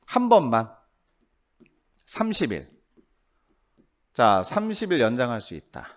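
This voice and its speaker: A man teaching a real estate law exam review, quizzing his class with quick tag questions. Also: mid-range voice, huge pitch swings.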